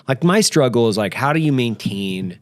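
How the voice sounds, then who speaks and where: A man's voice: mid-range voice, lively intonation, normal speed, no echo. A man in his forties hosting a podcast, rambling and swearing casually as he chats. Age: 40s. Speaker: podcast host. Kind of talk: casual chat.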